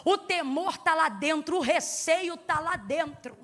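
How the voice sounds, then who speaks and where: A woman preacher with a Brazilian Portuguese accent, delivering a sermon with rhetorical questions to the congregation, swinging between shouted peaks and hushed passages. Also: very high-pitched, unhurried.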